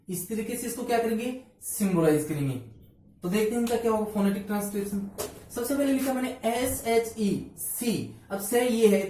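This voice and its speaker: A woman's voice: a little high, warm tone, slight background noise. Echoey woman teacher drilling phonetics. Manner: asks questions and answers them herself, spells letters out. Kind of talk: phonetics lesson. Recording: echoey room, from far off.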